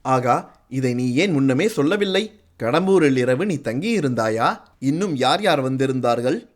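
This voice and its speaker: A man's voice: mid-range voice, animated, a little slow, lightly acted. A man voicing a stern, proud middle-aged commander of a fortress, firing brusque, commanding questions in an audiobook story.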